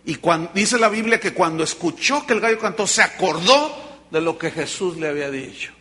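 A man preaching a sermon, retelling a Bible story in a lively storytelling way. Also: high-pitched, moderate pace.

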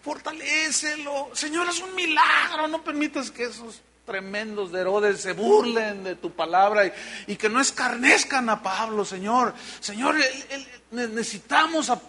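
A man's voice: very high voice, normal speed, noisy background, voice pushed up. A man acting out an anxious church member praying urgently for a miracle. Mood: pleading. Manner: pleading, urgent prayer.

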